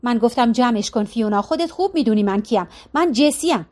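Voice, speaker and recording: A woman voicing an exasperated adult daughter arguing lively with her mother on the phone in an audiobook. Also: a little high, lightly acted.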